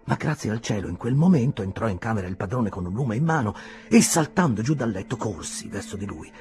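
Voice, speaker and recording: A male audiobook reader narrating a classic novel with lots of drama, his pitch moving a great deal. He slows and swells with the story, over faint music behind him. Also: animated. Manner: dramatic, shifts pace and loudness with the story. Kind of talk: expressive literary narration.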